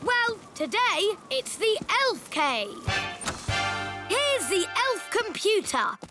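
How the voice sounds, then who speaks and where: Little elf boy hero for a kids cartoon, earnest n boastful, slow and bouncy pitch. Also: very animated, loud music behind the voice, full character voice. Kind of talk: children's cartoon dialogue.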